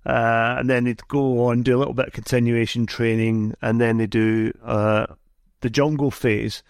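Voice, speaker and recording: A man's voice: mid-range voice, flat delivery, normal speed, creaky, smooth, dry recording, clean studio sound. A man hosting the podcast, asking long, rambling questions. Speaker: podcast host. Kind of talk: interview questions.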